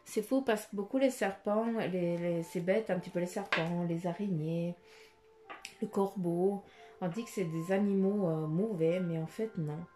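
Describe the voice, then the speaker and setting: Woman, card reader, warm mellow voice, chatty and meandering, talks straight to the listener, faint music behind. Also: on the low side, unhurried. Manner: meandering, with frequent "hein" and "euh" tags; addresses the viewer intimately and directly. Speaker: card reader giving daily guidance. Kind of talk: casual spoken oracle card reading.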